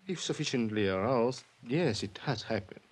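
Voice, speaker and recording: An actor playing a polite, cautious psychiatrist with a Viennese accent, measured and hesitant, in 1950s radio drama style. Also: male voice, mid-range voice, expressive, slightly rough. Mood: measured, guarded.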